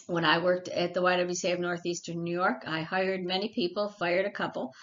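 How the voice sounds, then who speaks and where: A woman's voice: fairly low pitch, little pitch movement, brisk, fairly bright tone. Middle-aged lady teaching a class, practical and chatty, kinda muffled recording. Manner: chatty, practical, uses personal stories and asides. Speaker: college instructor. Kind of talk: recorded lecture. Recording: dull lo-fi lecture recording.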